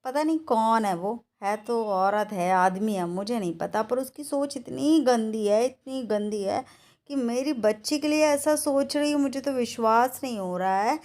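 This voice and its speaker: A woman's voice: fairly high pitch, lively intonation, a little slow, a little mellow. A middle-aged woman vlogger talking straight to camera, indignant and scolding as she defends her daughter. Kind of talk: angry vlog monologue.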